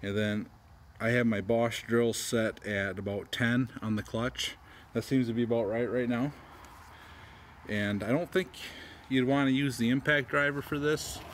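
A man's voice: mid-range voice, fairly even intonation, measured pace, a little hiss or hum. A middle-aged man in a pole barn workshop, plainly explaining how he puts up steel siding, step by step, with small restarts. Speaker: homestead video host. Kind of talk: casual how-to narration.

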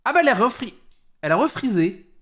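A man's voice: extremely high pitch, big pitch swings, fast, a bit bright. A man streaming live with a head cold, chatting casually, stumbling and restarting his sentences and exclaiming at technical trouble. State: sick with a head cold, blowing his nose.

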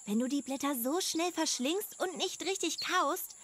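A woman voicing a gentle young elephant girl in a children's story, soft and caring. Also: high voice, a little slow, pitched above the performer's own voice.

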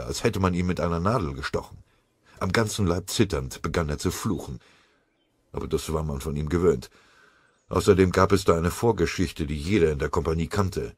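A man narrating a war audiobook in a grave, measured way. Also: sits low, slightly rough, dry recording. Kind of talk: scripted war story narration.

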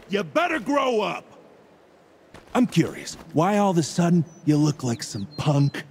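An actor with an American accent playing a gruff, bossy middle-aged small-town police chief in a video game, giving clipped, commanding lines. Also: male voice, high voice, fairly bright tone, long reverb tail, a little hiss or hum, full character voice. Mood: gruff, curt, then gruff, menacing.

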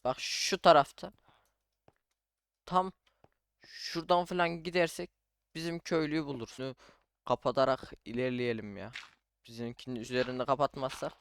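Playing Minecraft, a young gaming YouTuber chats casually to himself and his viewers, frequently using "abi" and "arkadaşlar." He has a mid-range, slightly bright voice with fairly even intonation, speaks at normal speed with frequent pauses, and the tone is clean with no echo.

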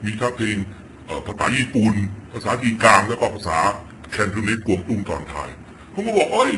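A man's voice: lowish voice, wildly swooping pitch, a little fast, noisy background. A man from Thailand ranting through a political commentary clip, blunt and crude, swearing often as he talks. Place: home in Virginia.

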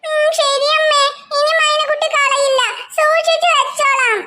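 A woman's voice: extremely high pitch, flat delivery, measured pace, exaggerated voice. A woman voicing a whiny little girl in a cartoon who wails, pleads and tattles on her mother. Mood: meek promising. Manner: whining, tearful pleading. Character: whiny little girl, crybaby, clever at bargaining. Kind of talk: cartoon voice acting. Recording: loud background noise.

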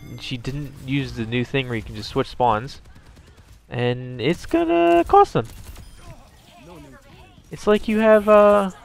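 A man's voice: mid-range voice, gravelly. A man giving wry, sarcastic running commentary on his own gameplay, swearing freely.

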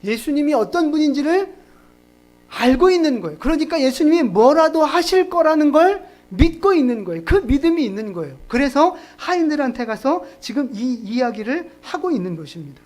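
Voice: high-pitched, very animated, fairly quick, darkish tone. A pastor preaching a sermon at a church service in a conversational, joking way, often laughing and putting questions to the congregation.

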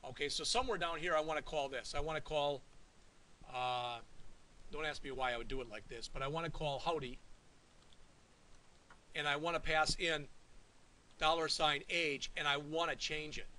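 A man's voice: fairly high pitch, fairly even intonation, normal speed, pauses often, pushed and bright, low-quality recording. A man teaching a college programming class, talking conversationally and checking in often with the students. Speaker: college instructor. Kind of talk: classroom lecture. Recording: faint hiss.

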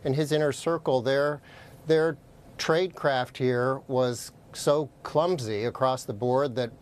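A man speaking as a news panel analyst, careful and deliberate. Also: mid-range voice, fairly even intonation.

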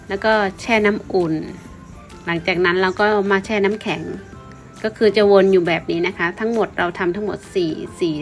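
A woman from Thailand speaks in a medium-pitched voice with music behind her. She explains things informally in a polite vlog style, now and then repeating a word. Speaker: vlogger.

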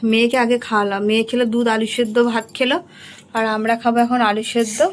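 A woman chatting to her viewers in a rambling home vlog, her voice hoarse from a cold. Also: on the high side, flat delivery, quick pace, a little hiss or hum. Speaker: home vlogger.

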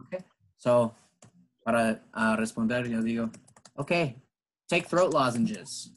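Slow, patient bilingual English teacher man. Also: mid-range voice, rough recording. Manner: slow, patient explaining, switching between English and Spanish. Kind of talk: bilingual classroom lesson.

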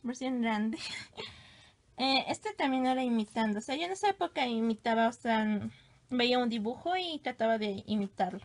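A woman's voice: a little high, lively intonation, moderate pace. A woman casually showing off her old hand drawings, gushing and exclaiming as she goes. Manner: gushing, exclamatory, self-teasing. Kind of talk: casual show-and-tell.

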